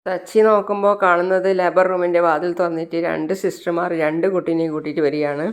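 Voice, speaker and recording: A woman with a somewhat low voice, casually recapping a TV serial episode. She talks loosely, correcting herself mid-sentence. Now and then she slips into the characters' lines. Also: little pitch movement, quick pace. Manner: retells the plot loosely, with self-corrections and acted-out dialogue.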